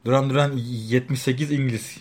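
A man's voice: medium pitch, steady tone, fast talker, a little mellow. A middle-aged man in casual chat, explaining things in a knowledgeable, matter-of-fact way. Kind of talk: casual chat about music and fashion.

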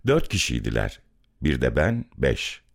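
A man reading a literary story aloud in an expressive, dramatic narrating style. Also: very deep voice, a little slow, gravelly.

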